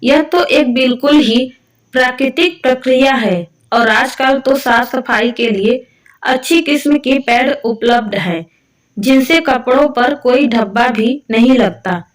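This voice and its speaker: A woman doing a calm reasoning young wife. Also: sits high, measured pace, roomy sound, recorded from a distance.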